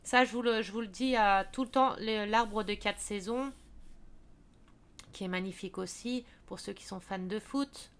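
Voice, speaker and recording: A woman's voice: medium pitch, moderate pace, smooth. A woman casually walking viewers through a craft shop's products, chatty with many fillers and restarts. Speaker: craft video creator.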